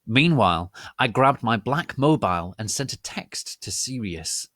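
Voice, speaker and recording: Male narrator for dramatic fan fiction reading, hammy and stagey, deliberate pace, dry sound. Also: mid-range voice, expressive, a bit bright, dry recording.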